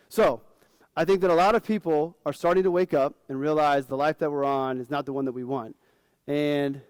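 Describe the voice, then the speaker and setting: A man's voice: a little high, clean tone, no echo. Frank, casual man giving a conference talk. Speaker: financial advisor giving a talk.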